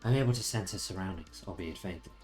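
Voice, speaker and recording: A man reading aloud as a breathy, cool young killer. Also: low voice, quick pace, a little mellow, soft background music, close to an everyday voice. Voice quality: lighter, breathy. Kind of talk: reading manga dialogue aloud.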